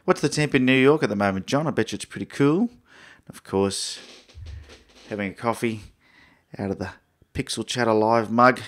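A man's voice: medium pitch, normal speed, long pauses, a bit bright. A man with an Australian accent hosting a photography live stream, chatting casually and greeting viewers by name. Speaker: photography show host.

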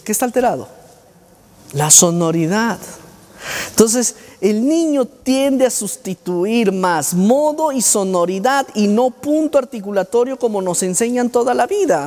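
A man's voice: high-pitched, darkish tone. A man, a speech therapist, lecturing to students, questioning the audience and sounding out speech sounds as examples. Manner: quizzes the audience and demonstrates speech sounds aloud. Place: university lecture hall. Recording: reverberant lecture hall.

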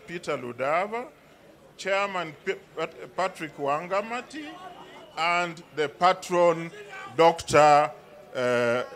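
An older man reading formal resolutions at an outdoor stadium rally, deliberate and halting, into podium microphones. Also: on the high side, bright, forceful tone.

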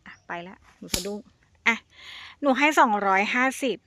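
A woman giving a casual sales pitch to her viewers, chatty and coaxing, sweetly addressing them as elder siblings and repeating words playfully for emphasis. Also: moderate pace, bright, forceful tone, a little hiss or hum. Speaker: plant seller.

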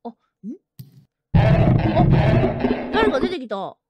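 A woman streaming a horror game, talking bluntly and roughly, laughing often and shouting at the scares. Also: high-pitched, sing-song, slow, over loud music. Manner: rough, blunt casual talk with frequent laughter; bursts into loud shouting at scares. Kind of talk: live horror game commentary.

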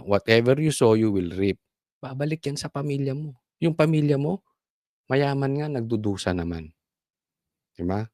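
Animated Filipino man giving political commentary. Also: mid-range voice, no room sound, clean studio sound. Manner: preachy, mocking, chanting, laughing asides.

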